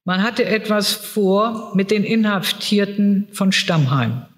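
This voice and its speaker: A man's voice: high-pitched, expressive, slow pace, voice pushed up. A man reading aloud as a sly blond police officer who coolly pressures a woman. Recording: reverberant hall.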